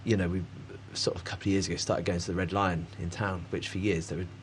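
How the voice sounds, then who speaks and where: Low-voiced man, rambling. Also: little pitch movement, quick pace, a little hiss or hum. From Cornwall, England. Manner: rambling and hesitant, many fillers, laughs often. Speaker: artist guest. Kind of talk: casual conversation.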